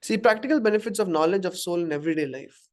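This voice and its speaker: A man's voice: high-pitched, expressive, very fast, darkish tone. Indian man teaching a scripture class. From Karnataka, India. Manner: conversational, asks the audience questions, chuckles at own examples. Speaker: spiritual teacher. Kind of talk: informal scripture class talk. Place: room with a live audience.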